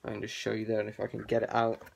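A man's voice: lowish voice, monotone, rapid-fire, creaky, slight background noise. Man talking through a cloth balaclava. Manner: rambling, filler-heavy, offhand. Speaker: collector showing his gas masks. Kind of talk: casual show-and-tell vlog.

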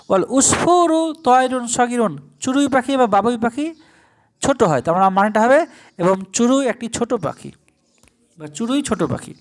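An Arabic language teacher giving a recorded lesson, drawing the Arabic phrases out slowly, then explaining them in quick asides and asking the listener rhetorical questions. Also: medium pitch.

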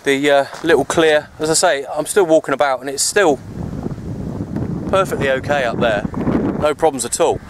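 A man with a slightly high voice talks at a moderate pace, chatting casually in a rambling vlog about his radio hobby. He films himself on a handheld camera held at arm's length out in open parkland. Wind makes the camera audio noisy.

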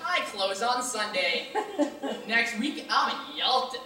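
A woman acting a brash male con man who stages fake drownings, pitching with pushy salesman patter on a school stage. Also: lively intonation, slow pace, sharp tone, slight background noise, exaggerated voice. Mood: huffy. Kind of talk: high school stage play. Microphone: far camera. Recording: echoey hall from far off.

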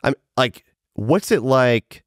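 A man's voice: medium pitch, animated, takes it slowly, no room sound, studio quality. A man in his fifties hosting a podcast interview, rambling and casual, swearing and poking fun at himself. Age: 50s. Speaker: podcast host.

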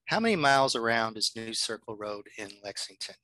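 A man's voice: fairly low pitch, animated, brisk, bright, forceful tone, no echo, poor audio. A man, a university librarian, giving a chatty workshop presentation over a video call from his home office, with frequent ums and uhs.

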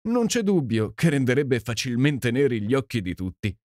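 A man reading an audiobook and voicing a boisterous, jovial Canadian gentleman with a hearty, exclamatory manner. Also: mid-range voice, big pitch swings, normal speed, no echo, pitched above the performer's own voice, natural voice. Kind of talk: audiobook character voice. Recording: dry close sound.

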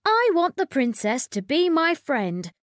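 A woman's voice: sits high, a little slow, no echo, studio quality, voice pushed up. A woman doing a polite, patient talking frog. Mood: insistent. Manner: calm, reasonable, insistent.

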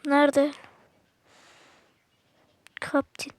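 A woman with a very high, piping voice talks through a shooter match in a slow, unhurried way. Her commentary is casual and slangy, aimed at her viewers and broken by sudden frustrated outbursts. The sound is close and dry, with no room around it. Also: completely flat delivery, no room sound. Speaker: gaming channel host.

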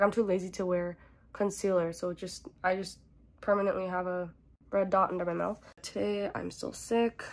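A woman's voice: mid-range voice, darkish tone. A young woman vlogging casually from her bedroom while sick, with a stuffed-up nose and a rambling, filler-heavy way of talking. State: congested from a cold. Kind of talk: casual vlog chat. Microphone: camera mic in a bedroom. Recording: guitar music behind the voice.

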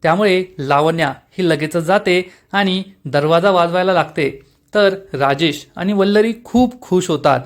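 A man with a notably high-pitched voice tells the story of a TV episode in scripted narration. He keeps a steady storytelling pace and reads the characters' lines without changing his voice. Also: unhurried. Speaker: serial review narrator.

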